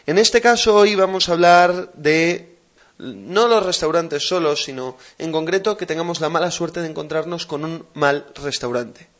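A man's voice: on the high side, fairly bright tone. Patient man teaching a language lesson. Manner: explains slowly and patiently, repeats words for practice. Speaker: language teacher and podcast host.

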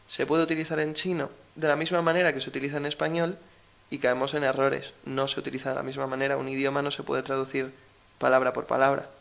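A man's voice: on the high side, creaky, fairly bright tone, highs cut off. A man with a Spain Spanish accent co-hosting a language lesson, explaining patiently with everyday examples. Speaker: language teacher co-host.

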